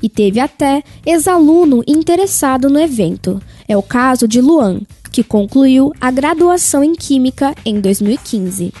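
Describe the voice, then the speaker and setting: High mellow woman, news voice-over. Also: lively intonation. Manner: smooth, measured delivery. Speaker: news reporter. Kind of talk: scripted news narration.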